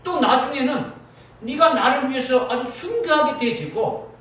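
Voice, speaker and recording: A man's voice: very high-pitched, expressive, normal speed, fairly bright tone. A man preaching a sermon in a church, emphatic and repetitive, often quoting Jesus in direct speech. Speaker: pastor. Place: church sanctuary. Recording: echoey church hall from far off, faint noise.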